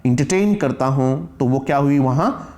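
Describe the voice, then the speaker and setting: A man's voice: medium pitch, expressive, moderate pace, darkish tone. A middle-aged man teaching English grammar, asking questions and reading example sentences word by word. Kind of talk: classroom lecture.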